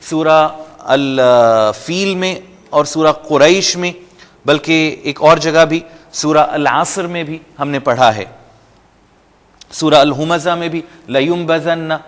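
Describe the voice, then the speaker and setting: A man teaching Quran reading, slowly and loudly reciting verses, then explaining them briskly. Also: fairly high pitch, in a large hall. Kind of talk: step-by-step recorded lesson.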